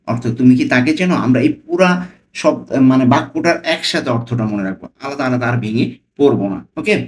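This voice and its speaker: A male tutor from Bangladesh giving a step-by-step language lesson. He repeats each phrase several times and draws out the foreign words slowly and loudly. His voice sits at an ordinary middle pitch. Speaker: language teacher.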